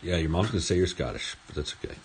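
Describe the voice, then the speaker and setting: A man of Swedish heritage hosts a casual card break at a table in an indoor studio, chatting as he opens packs and reads off player names. His low-pitched voice is expressive and races along, with slight background noise.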